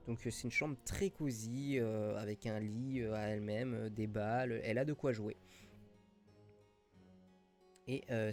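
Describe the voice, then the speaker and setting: A man's voice: mid-range voice, a little mellow. A man runs a tabletop role-playing game as its game master. He narrates scenes off the cuff in casual, slangy speech, with music in the background.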